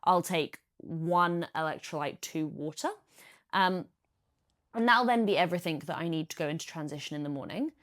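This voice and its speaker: Her voice is low-pitched and animated, at a moderate pace. In a laid-back how-to vlog, the triathlete explains her kit step by step in a practical, chatty way.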